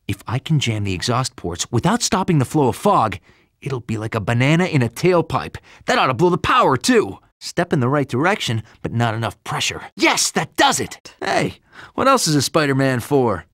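A man voicing a cocky, upbeat young superhero in a video game, with an American accent and a quippy, animated way of talking. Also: mid-range voice, normal speed, no echo, studio quality, full character voice. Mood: wry, thinking aloud. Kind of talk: video game voice acting, quips and hints.

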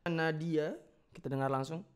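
A man's voice: fairly high pitch, steady tone, clear, resonant tone. A man reacting playfully to fan voice notes in casual chat. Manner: playful, chatty, quick reactions.

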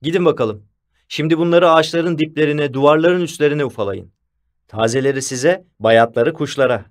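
A man voicing a cheerful, self-assured male school vice principal who speaks calmly and firmly, in an audiobook. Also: fairly high pitch, moderate pace, natural voice. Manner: calm and firm, then warmly commanding. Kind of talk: audiobook character voice.

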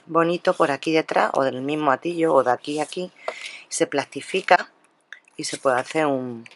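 A woman's voice: low voice, a little hiss or hum. Chatty woman showing craft purchases. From Spain. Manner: chatty, addresses viewers directly, lots of restarts. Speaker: craft vlogger. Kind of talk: casual haul narration.

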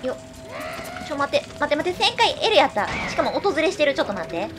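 A woman with a Kansai accent giving live gameplay commentary, excitable, calling out her own moves and repeating words as she plays. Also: high voice, a little fast. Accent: Kansai Japanese. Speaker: let's-play streamer. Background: game music.

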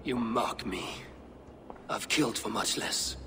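An actor playing a proud, wary Viking warrior in a video game, stern and brooding, with formal archaic phrasing. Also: male voice, lowish voice, slow, noisy background. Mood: angry, threatening. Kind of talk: video game dramatic acting.

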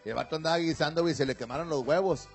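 A man's voice: a little high, rapid-fire, soft background music. A man hosting a radio comedy show, telling crude jokes in slangy talk full of güey and compadre.

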